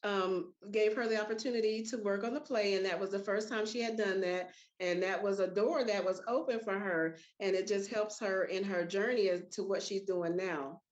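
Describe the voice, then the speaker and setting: Animated woman hosting a chat. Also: mid-range voice, normal speed, hardly any pauses, muffled recording. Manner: animated storytelling with voiced quotes. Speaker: podcast host. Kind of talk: casual chat.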